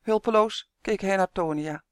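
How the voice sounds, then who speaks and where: A woman narrating a children's fantasy story in a measured, expressive way. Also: mid-range voice, no room sound, clean studio sound.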